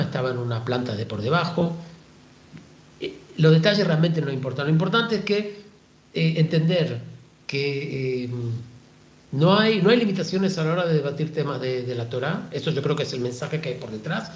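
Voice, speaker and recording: A man teaching an informal Talmud lesson, reflective and hesitant, often pausing to check in with rhetorical questions. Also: a little high, lively intonation. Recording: roomy, dull lo-fi sound.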